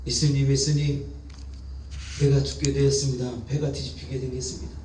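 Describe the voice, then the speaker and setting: Male pastor, higher-pitched voice, storytelling sermon delivery, mic set back in a reverberant church. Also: darkish tone, far from the mic, a little hiss or hum. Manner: vivid retelling with repeated phrases. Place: church sanctuary.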